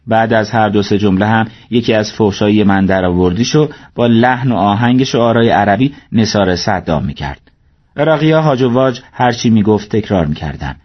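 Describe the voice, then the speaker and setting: A man narrating an audiobook story in a steady, measured reading voice, in a dull lo-fi recording. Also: on the low side.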